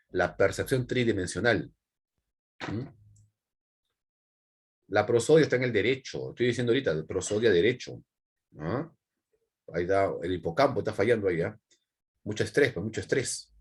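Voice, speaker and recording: Husky Peruvian man teaching online. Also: fairly low pitch. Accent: Peruvian Spanish. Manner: repetitive, asks for checks with "¿no?" and "¿ya?". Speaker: psychology teacher. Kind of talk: online class lecture.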